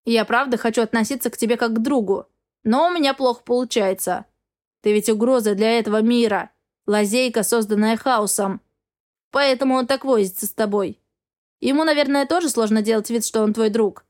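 Secretive young shapeshifter man voiced by a woman, blunt, defensive, audiobook reading, highish voice. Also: a little fast, darkish tone, natural voice.

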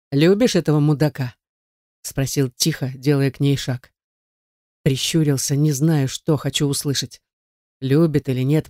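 Man with a dark, mellow narrating voice. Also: on the high side, no echo, clean studio sound. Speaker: audiobook narrator. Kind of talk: first-person novel narration.

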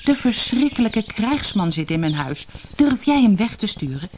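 A woman voicing a timid male rabbit, pleading in a high, anxious voice. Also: very animated, normal speed, a little mellow, slight background noise, natural voice.

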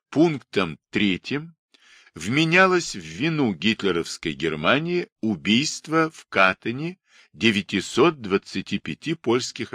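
A man narrating a nonfiction history book in a formal, measured reading style. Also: lowish voice, bright, forceful tone, dry recording, studio quality. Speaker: audiobook narrator.

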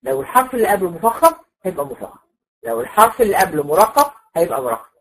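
A woman's voice: medium pitch, sing-song, rapid-fire, slightly rough, low-quality recording. A woman with an Egyptian accent teaching Quran recitation rules in a classroom lecture, asking her students questions and demonstrating the sounds herself. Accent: Egyptian Arabic.

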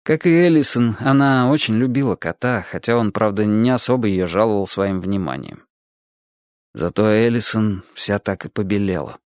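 A man narrating an audiobook in an expressive storytelling manner, giving each character a voice of their own. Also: fairly low pitch, moderate pace, no room sound, studio quality.

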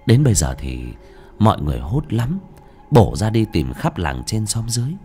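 A man narrating a horror audiobook in a dramatic, expressive storytelling manner. His voice sits low yet swings widely in pitch, with soft music faint behind him. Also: normal speed, slightly rough.

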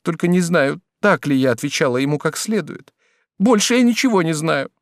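A man voicing a timid, frightened young woman who pleads in a drawn-out high voice. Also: animated, no room sound, clean studio sound. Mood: ashamed.

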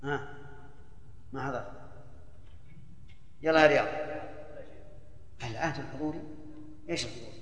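A man's voice: mid-range voice, moderate pace, long pauses, fairly bright tone. Older man teaching in an echoey hall. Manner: quizzes students, chiding and impatient when they forget. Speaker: Islamic scholar teaching tafsir. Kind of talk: classroom lesson with questions to students. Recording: echoey hall, old tape lecture recording.

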